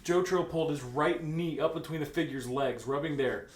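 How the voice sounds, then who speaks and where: Here a man with a slightly high voice speaks fairly quickly as co-host and reader of a comic fan fiction session. He alternates reading the text with lighthearted banter, lively and jokey, frequently bursting into laughter, in a roomy recording with a little noise.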